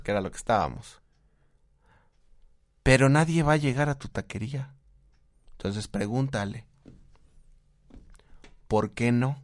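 A man with a Mexican accent giving casual advice, who acts out quoted voices and laughs often. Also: mid-range voice. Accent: Mexican Spanish. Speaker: guest speaker, therapist.

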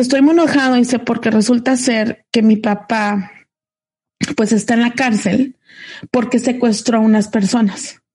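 A woman's voice: on the high side, mellow, husky. A woman with a Mexican accent, co-hosting a casual online talk show and telling a long anecdote with many restarts. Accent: Mexican Spanish. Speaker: co-host. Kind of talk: casual storytelling chat. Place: remote call from home.

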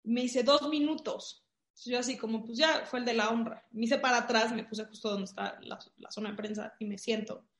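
A woman's voice: fairly high pitch, normal speed. A woman with a Mexican Spanish accent, telling a story in casual chat, full of fillers. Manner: animated storytelling with many fillers. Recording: echoey room.

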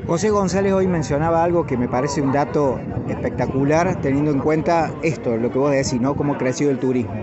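A man's voice: fairly high pitch, quick pace, few pauses. A man with a Cordoba Argentine Spanish accent, conversationally putting questions as a live radio interviewer. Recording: dull lo-fi sound, busy crowd noise.

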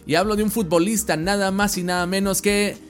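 Higher-pitched man hosting a podcast. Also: fairly even intonation, a little fast, faint music behind. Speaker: podcast host and interviewer. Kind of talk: podcast introduction and interview.

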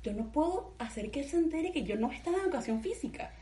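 A young woman tells a school story in casual podcast chat, animated and laughing. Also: sits high, fast talker, slight background noise. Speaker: podcast co-host.

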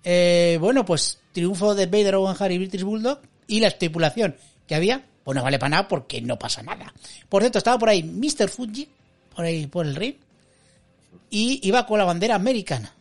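Gravelly-voiced Spanish man, joking co-host. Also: sits high, expressive, fairly quick, soft background music. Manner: jokey, ironic asides. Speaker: podcast co-host. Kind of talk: casual wrestling commentary chat.

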